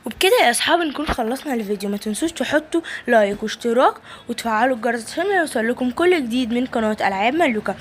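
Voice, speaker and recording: An Egyptian woman hosts a kids' toy channel, chatting brightly to her viewers. Her voice is high, with a faint hiss of noise behind it. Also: lively intonation, rapid-fire. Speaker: channel host. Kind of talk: kids' toy video narration.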